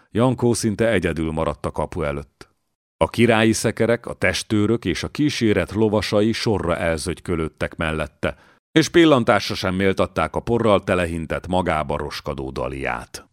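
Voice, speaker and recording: A man reading a historical novel as an audiobook narrator, in a measured, dramatic way. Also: deep voice, dry recording, studio quality. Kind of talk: scripted narration.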